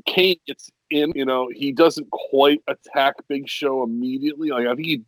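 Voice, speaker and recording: A man guesting on a podcast from his basement, talking in halting casual chat with a stuffed-up nose. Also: mid-range voice, steady tone, no echo, rough recording. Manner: halting, restarts often. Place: home basement.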